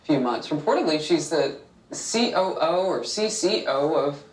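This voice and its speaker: A news anchor introducing cable news stories in a measured, pointed delivery. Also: male voice, on the high side, expressive, roomy sound, recorded from a distance, poor audio.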